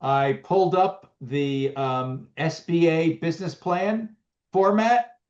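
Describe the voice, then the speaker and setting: A man's voice: fairly high pitch, slow, darkish tone. Middle-aged man, guest on a video call, rambling with restarts, muffled sound. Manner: rambling, many restarts and fillers. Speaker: business owner guest. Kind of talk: casual interview talk. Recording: muffled lo-fi audio.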